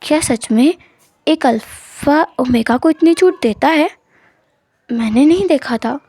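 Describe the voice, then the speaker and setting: A woman's voice: high voice, expressive, a little slow, dark tone, no echo. A woman voicing a timid young male bride who stammers and hesitates as he speaks. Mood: shy.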